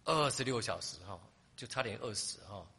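A man's voice: on the low side, animated, normal speed, vocal fry, sharp tone, big-room sound, slight background noise. A man preaching a sermon, telling a story and often ending his phrases with a tag word "ha". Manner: frequent "ha" tag at ends of phrases; retells scenes with acted-out quotes.

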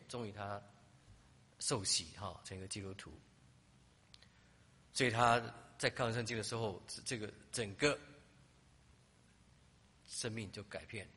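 This preacher's voice is fairly low, bright and forceful with a breathy edge, trailing off into a long reverb. His sermon takes the form of a story, with scenes replayed through acted-out quotes and a frequent "ha" tacked onto phrase endings.

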